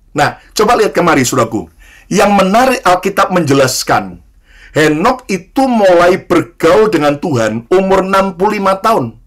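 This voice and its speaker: A man preaches in a notably high voice. He has the congregation repeat his lines back to him and drops in light jokes, calling his listeners brothers and sisters. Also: a bit bright. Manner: leads the congregation in call-and-response repetition. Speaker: pastor. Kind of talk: sermon.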